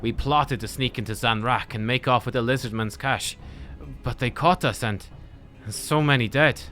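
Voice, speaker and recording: A man's voice: mid-range voice, normal speed, pushed and bright, faint music behind, natural voice. A man voicing a distraught young freedom fighter, earnest and faltering, in a fantasy game. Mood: distraught, remorseful.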